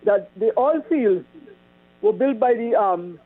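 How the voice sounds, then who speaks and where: High-voiced Trinidadian man on a clipped phone line. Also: animated, no echo. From Trinidad and Tobago. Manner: halting, many ums. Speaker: caller. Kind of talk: call-in radio chat.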